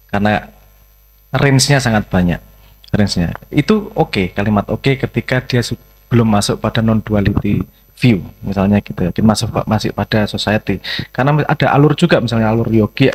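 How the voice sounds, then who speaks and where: A man speaking as the invited speaker at a discussion session, relaxed and reflective, slipping in English phrases. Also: on the low side.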